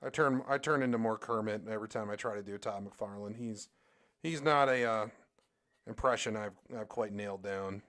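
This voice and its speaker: A man's voice: lowish voice, normal speed, a bit bright. Rambling man chatting while he draws. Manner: rambling storyteller with many fillers and restarts. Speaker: streamer and artist. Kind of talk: casual chat while drawing on a live stream.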